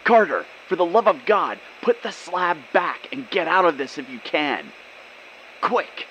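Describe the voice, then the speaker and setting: An actor playing a terrified man calling up over a telephone line from a crypt, hoarse with fear and dropping to shaky whispers. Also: fairly high pitch, sing-song, unhurried, pushed and bright, exaggerated voice. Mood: frantic. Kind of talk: radio drama acting. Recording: noisy telephone-line sound.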